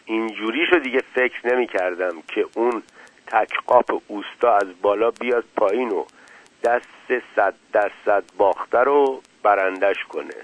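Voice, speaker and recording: A man's voice: on the low side, no echo, narrow, tinny audio, lightly acted. A man voicing a smiling, good-natured male gambler who speaks in easygoing slang. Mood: admiring.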